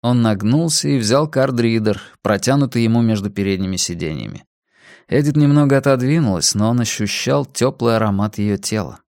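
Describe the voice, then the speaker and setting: A man calmly narrating a story as an audiobook reader. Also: mid-range voice, a little fast, vocal fry, dry recording, clean studio sound.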